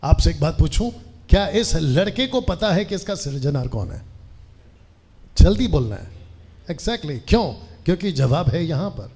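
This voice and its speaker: Husky, mellow-voiced man preaching a sermon. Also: high-pitched. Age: 40s. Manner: asks the congregation to answer aloud, peppers Hindi with English phrases. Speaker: pastor. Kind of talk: sermon to a live congregation. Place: church hall with a seated congregation.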